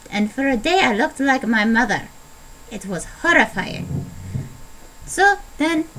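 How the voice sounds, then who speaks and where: In a high, slightly bright voice, a young adult woman fakes an Italian accent while playfully rambling and poking fun at herself in a casual vlog diary, captured in low-quality audio.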